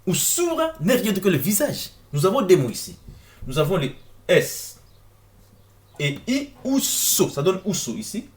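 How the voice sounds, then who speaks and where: A man's voice: high-pitched, sing-song, moderate pace, long pauses. A man giving an informal explanatory video talk, addressing viewers directly with questions and often repeating words as he searches for them. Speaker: presenter of an online video lecture. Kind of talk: informal explanatory talk over on-screen text.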